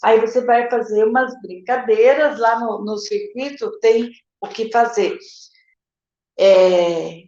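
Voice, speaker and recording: Brazilian woman, literacy teacher, live Q&A, explanatory, fairly high voice, roomy dull recording. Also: fairly even intonation, slow, darkish tone. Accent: Brazilian Portuguese. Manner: explanatory, addresses viewers directly with "gente" and "tá?". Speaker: literacy teacher answering viewer questions.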